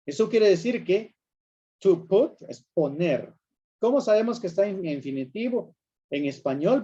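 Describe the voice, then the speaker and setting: A man's voice: fairly high pitch, warm tone, slightly rough, lo-fi sound. A man teaching a class, patiently explaining grammar and repeating examples while checking that students follow. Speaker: English teacher.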